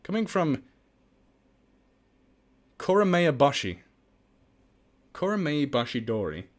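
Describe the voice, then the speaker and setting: A man hosts a let's play series, reading game text aloud and swinging into goofy, jokey, exclamatory outbursts. His voice is on the high side with big pitch swings, and he speaks slowly.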